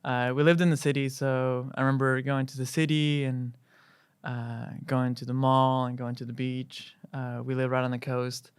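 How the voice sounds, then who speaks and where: A man in his thirties from Chile whose first language is Spanish, a worship director telling his story in a podcast interview in a relaxed, halting way with many fillers. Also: mid-range voice, clear, resonant tone, no echo. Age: 30s.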